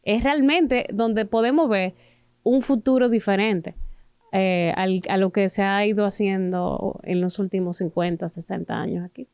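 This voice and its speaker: A woman's voice: mid-range voice, steady tone, measured pace, a little mellow, smooth, no room sound. A Dominican woman co-hosting a podcast in casual discussion. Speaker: podcast co-host.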